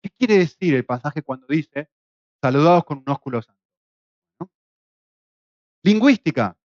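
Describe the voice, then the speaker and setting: A middle-aged Argentine man teaching a Bible course, lecturing lively and acting out quoted voices. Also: on the high side, moderate pace, dry recording, muffled recording. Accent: Argentine Spanish. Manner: lively, acts out quoted voices with shouts and jokes. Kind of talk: classroom lecture. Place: classroom in Spain.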